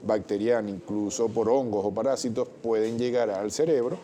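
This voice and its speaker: A man, a doctor explaining things as a guest in a television interview, measured and technical, often restarting words. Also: on the low side, steady tone, warm tone. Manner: measured, technical, with frequent self-corrections.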